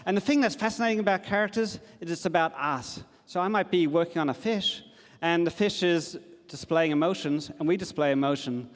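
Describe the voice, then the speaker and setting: A man's voice: on the high side, brisk. A middle-aged man giving a casual, enthusiastic conference talk, with plenty of fillers. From Australia. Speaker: conference speaker. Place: large conference hall. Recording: long hall reverb.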